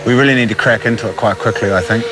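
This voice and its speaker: A man's voice: lowish voice, steady tone, very fast, over loud music. A man with a broad New Zealand accent giving casual, slangy outdoor commentary as a survival presenter. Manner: blokey, slangy. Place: outdoors in tropical wetlands and on boats.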